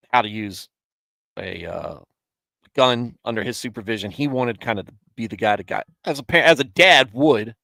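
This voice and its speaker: A man's voice: medium pitch, gravelly, fairly bright tone, no room sound. A man in his thirties hosting a casual live stream, answering viewers in a rambling, self-correcting way and chuckling often. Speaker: streamer hosting a Bible show.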